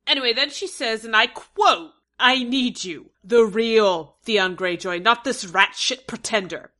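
A woman chatting casually as a podcast co-host, sarcastic and heated, acting out quoted lines in quick asides. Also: fairly high pitch, pushed and bright. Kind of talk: casual chat.

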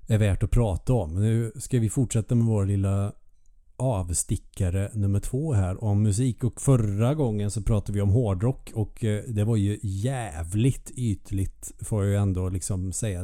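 Casting: male podcast co-host, low and dark-toned, rambling, casual and a bit crude. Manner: chatty, swears freely, explains at length. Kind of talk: casual chat.

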